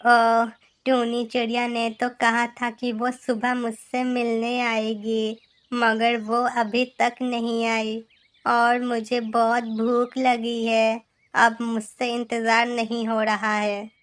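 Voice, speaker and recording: A small lost star from the sky talks in a high, wondering voice, played by a woman. It is a children's cartoon figure, slow and a little scared. Its voice sits above an ordinary woman's speaking pitch. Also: monotone. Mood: hungry, curious. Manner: higher put-on voice, wondering. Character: lost young star fallen from the sky, timid.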